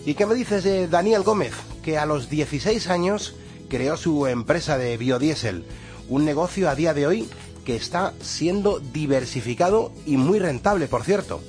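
A man's voice: a little high, lively intonation, normal speed, a little mellow, soft background music. A man with a Castilian Spanish accent presenting morning radio in an upbeat style, his voice congested, hollow and duck-like from a cold. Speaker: radio morning show host.

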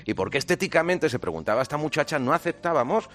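A man's voice: on the high side, quick pace. A man hosting a casual radio chat. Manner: lively, chatty presenter.

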